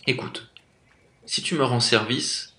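A man's voice: medium pitch, slow pace, pitched above the performer's own voice. Man doing an angry, commanding old tsar. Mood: stern. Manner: loud, commanding. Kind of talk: storybook reading. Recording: echoey room.

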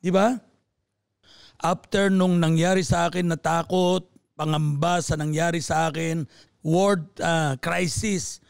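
A man's voice: on the high side, steady tone, slow, vocal fry, clean tone, dry recording, clean studio sound. A middle-aged man, a lay preacher, earnestly telling a personal testimony with emphatic storytelling.

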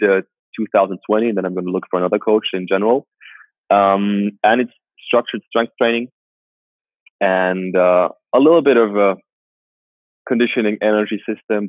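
A man who works as a strength coach, answering interview questions in a halting way and restarting his phrases often. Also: fairly low pitch, no room sound. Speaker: strength coach and personal trainer. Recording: tinny phone-like call line.

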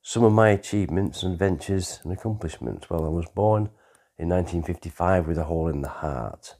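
A man, telling his life story in a rambling, conversational way with pauses and restarts. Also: deep voice, dark tone. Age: 60s. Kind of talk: unscripted autobiographical storytelling.

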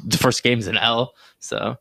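A man's voice: mid-range voice, measured pace, vocal fry, sharp tone, no room sound. A man hosting a casual sports podcast, joking and swearing freely in banter with friends. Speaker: podcast host.

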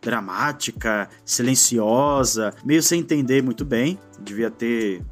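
A man's voice: medium pitch, slow pace, soft background music. A man in his forties with a Brazilian Portuguese accent, co-hosting a talk show and telling a childhood memory in a reflective, casual way, often adding a questioning "né". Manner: reflective, often adds "né" and trails off. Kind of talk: casual conversational storytelling.

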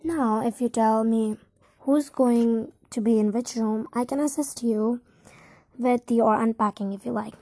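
A woman voicing an eager, attentive male butler who sounds bright and keen to help in an audiobook. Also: a little high, fairly even intonation, unhurried, no echo. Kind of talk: audiobook character voice.

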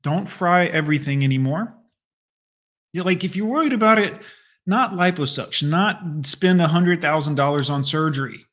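A man with a fairly high voice delivers blunt, crude commentary. He mocks and scolds without holding back. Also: normal speed, fairly bright tone. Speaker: commentator reacting to a radio clip. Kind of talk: profane reaction commentary.

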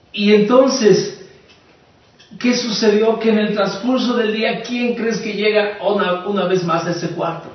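A pastor preaching a sermon, telling a story earnestly and asking rhetorical questions. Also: male voice, high voice. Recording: echoey hall, distant mic, dull sound.

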